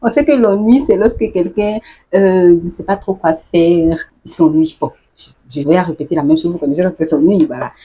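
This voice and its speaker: A woman speaks to her viewers in a relaxed, chatty vlog. Her voice is low and breathy. She laughs often and acts out the sayings she explains. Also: moderate pace. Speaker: YouTuber explaining local slang.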